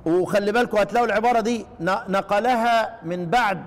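A man with an Egyptian accent teaching a lesson on Quranic readings, asking rhetorical questions and slowly chanting the example phrases. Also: high-pitched, big-room sound. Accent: Egyptian Arabic. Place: class with students.

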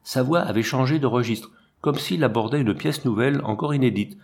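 A man reading a literary novel aloud as an audiobook narrator, in a calm, measured way. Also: medium pitch, creaky. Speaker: audiobook reader.

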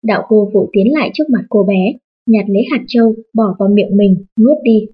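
A woman reading a storybook audiobook aloud in a steady, even manner. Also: mid-range voice, fairly quick, breathy edge, muffled recording. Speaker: audiobook narrator. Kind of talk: scripted storybook narration.

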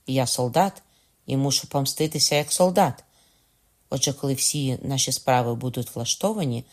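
A male reader putting on a loyal young soldier in a spoken storybook, blunt and resolute, sworn to revenge. The voice sits in a middle register, firm rather than loud. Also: mid-range voice, natural voice.

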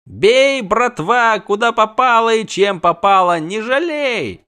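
A man voicing a rough, bloodthirsty male peasant militia leader in an audiobook, bellowing orders. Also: high-pitched, animated, slow pace, pushed and bright, voice pushed up, full character voice. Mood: bellowing, gloating. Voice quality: bellowing, coarse. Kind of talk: audiobook character voice.

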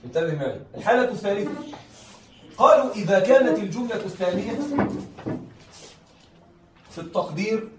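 In this Arabic rhetoric lesson, a man teaches grammar in a high-pitched voice with wide pitch swings, speaking fairly quickly and pausing often. He repeats points and makes sure the class follows, heard from afar in an echoey room with a little background noise.

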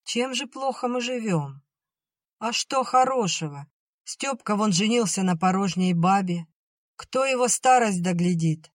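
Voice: medium pitch, lively intonation, measured pace, no echo, studio quality, pitched above the performer's own voice, lightly acted. A narrator voicing a bitter, grumbling old peasant mother who wails and scolds, in an audiobook reading. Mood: wailing. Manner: wailing, scolding.

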